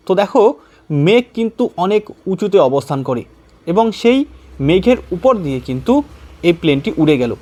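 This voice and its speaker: A man teaches an exam-prep lesson, patiently walking through each step, posing questions and slowly reading out example sentences. His voice is high and somewhat mellow.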